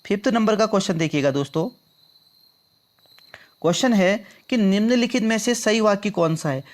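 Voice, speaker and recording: Explaining quiz answers, this exam prep instructor has a higher-pitched male voice and a steady, moderate pace. He addresses viewers as friends and reinforces answers by repeating them back as questions.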